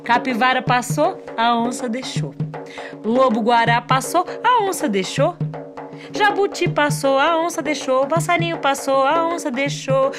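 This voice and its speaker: High-voiced Brazilian woman, fireside-style storytelling. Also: measured pace. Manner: playful, expressive, inviting. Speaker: children's storyteller and host. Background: music.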